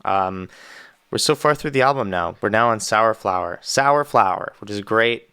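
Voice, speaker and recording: A man's voice: on the low side, moderate pace, bright, forceful tone, clear, resonant tone, dry recording. A Canadian man, a musician, giving enthusiastic, rambling casual commentary as he reacts to an album.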